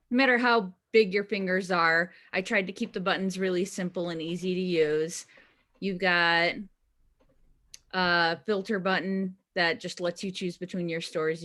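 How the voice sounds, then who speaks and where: Woman, slightly low pitch, plain-spoken, casual, designer giving an informal demo. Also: bright, forceful tone. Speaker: designer presenting project work.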